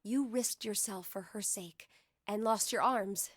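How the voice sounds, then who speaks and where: A woman voicing a calm, earnest young woman guide in a video game, speaking in a soft, measured way. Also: medium pitch, dry recording, studio quality, natural voice. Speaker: game character. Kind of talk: dubbed video game dialogue. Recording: game audio over loud music. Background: game soundtrack.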